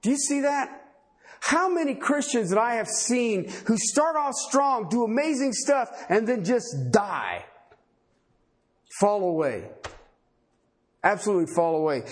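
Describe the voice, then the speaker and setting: Male preacher, fairly high, very lively delivery; dramatizes scripture with rhetorical questions. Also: a little slow. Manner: animated, acts out biblical voices, asks rhetorical questions. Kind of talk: sermon.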